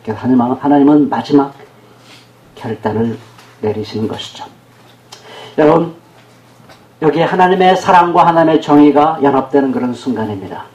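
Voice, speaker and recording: A man's voice: medium pitch, lively intonation, a little fast, pauses often, a little mellow, highs cut off. A man preaching a sermon as pastor, talking with the congregation and asking them questions. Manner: conversational, questions the congregation, acts out quoted speech. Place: church sanctuary. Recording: echoey church hall.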